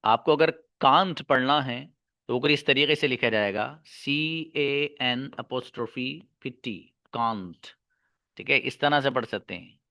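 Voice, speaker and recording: Slow, patient male English teacher. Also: medium pitch, vocal fry, sharp tone. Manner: slow, explains each phrase twice in two languages; asks the class questions and answers them himself. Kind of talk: slide-based grammar lesson.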